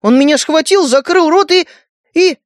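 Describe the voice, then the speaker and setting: A man voicing a frightened little mutant girl in an audiobook, squeaky and pleading. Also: normal speed, no room sound, studio quality.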